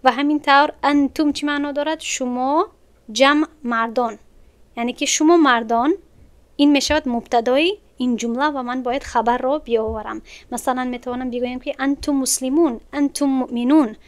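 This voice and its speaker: A woman teaching an online Arabic grammar lesson in Tajik-accented Persian. Her voice sits high and sounds smooth and clear. She explains patiently, stepping through each point and repeating words slowly. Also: steady tone.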